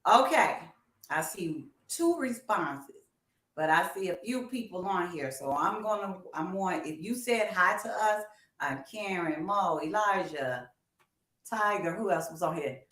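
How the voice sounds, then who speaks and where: Speaking directly to her viewers with animated encouragement, a woman in her fifties co-hosts an informal music talk livestream. Her lowish, somewhat bright voice has lively intonation and an unhurried delivery. The recording sounds spacious and echoey.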